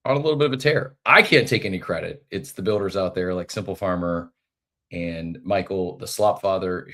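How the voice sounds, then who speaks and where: A man's voice: low voice, a bit bright. A man in his forties, congested with a head cold and sounding nasal, hosting a podcast in a rambling, friendly chat with many fillers. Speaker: podcast host. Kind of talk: casual live audio show chat.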